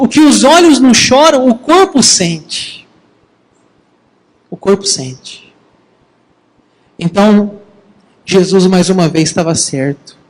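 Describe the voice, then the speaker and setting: A man preaching a sermon in a lively, conversational way, addressing the congregation as brothers. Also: sits high, in a large hall, rough recording. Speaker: pastor.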